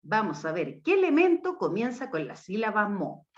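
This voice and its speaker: A woman teacher giving a recorded phonics lesson to young children, slow and emphatic, her voice rising to cue and praise them. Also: medium pitch, sing-song. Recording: dull lo-fi sound.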